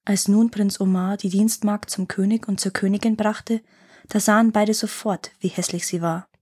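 A woman telling a fairy tale in a calm, expressive storybook reading. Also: medium pitch, normal speed, husky.

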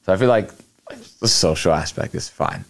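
A young man with a low voice and vocal fry is interviewed as a guest college athlete. His casual answers come out haltingly, with lots of fillers and restarts.

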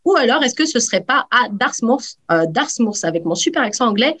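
A woman's voice: fairly high pitch, big pitch swings, brisk, a bit bright, breathy edge. A woman hosting a radio sports quiz over a video call, teasing the players. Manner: playful, teasing. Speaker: quiz host.

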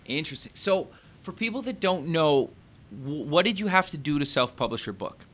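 Guy hosting a laid-back interview, kinda high voice, keeps saying okay and tripping over his words. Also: expressive, normal speed, a bit bright. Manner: stammering restarts, frequent "okay". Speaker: podcast host. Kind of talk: casual interview.

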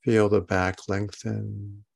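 A man leads a guided meditation at a very slow, unhurried pace. His voice is fairly low, with a gravelly creak in it. He speaks calmly and haltingly, leaving long pauses as he gives simple instructions. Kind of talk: guided body scan meditation.

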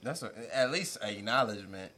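A man's voice: on the low side, animated, fairly quick, pushed and bright. A man chatting casually as a co-host, slangy, often chiming in to agree with his friends. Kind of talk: casual group chat. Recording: some background noise and room ambience.

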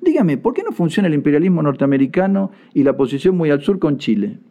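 A man's voice: on the high side, sing-song, quick pace, mellow. An older man with an Argentine accent giving indignant, sarcastic political commentary. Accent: Argentine Spanish. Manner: indignant, sarcastic, mocks people in put-on voices. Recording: dull lo-fi sound.

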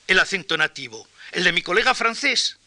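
Older Castilian-accented male lecturer, high and very bright voice, measured storytelling delivery. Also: animated. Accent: Castilian Spanish. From Spain. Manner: measured, anecdotal, with pauses and restarts. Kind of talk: academic lecture.

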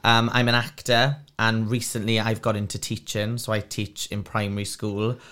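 A man's voice: on the low side, little pitch movement, moderate pace, bright, forceful tone. A man in his late twenties talking casually as a guest on a podcast. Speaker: podcast guest, actor and drama teacher. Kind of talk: casual chat.

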